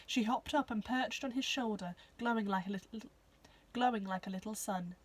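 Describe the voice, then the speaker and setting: A woman narrating a children's novel in a clear, expressive storybook reading. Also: medium pitch, normal speed, poor audio.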